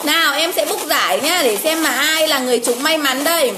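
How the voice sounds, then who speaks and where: High-voiced chatty woman livestream host. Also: a little fast, noisy background. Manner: chatty, repeats names over and over, frequent exclamations. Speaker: livestream host drawing giveaway winners. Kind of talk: casual livestream chat. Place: at home.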